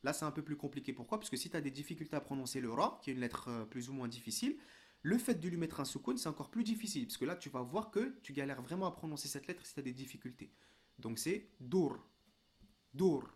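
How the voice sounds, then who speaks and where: A man teaching reading in a relaxed, informal way, checking in often and drawing out syllables. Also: on the high side. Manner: patient, informal, addresses the learner as tu with frequent "d'accord?" and "ok?"; drawn-out syllable demonstrations. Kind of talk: online lesson.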